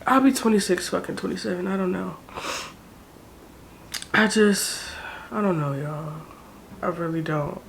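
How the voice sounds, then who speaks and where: A gravelly, fairly low female voice speaks at a measured pace with long pauses over a little hiss or hum. The speaker, a South Jersey woman in her twenties with that accent, vents her struggles on camera, tearful, weary and swearing a great deal.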